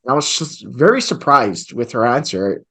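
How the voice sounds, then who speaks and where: A man's voice: medium pitch, sing-song, normal speed, a bit bright, breathy edge. A man in his forties from Hawaii, a real estate investor telling his story earnestly and reflectively over a video call. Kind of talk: storytelling interview answer. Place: home office with bookshelves.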